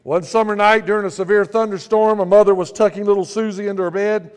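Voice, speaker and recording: Man, pastor, sermon, high voice, humorous storytelling, long hall reverb. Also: steady tone, fast, smooth.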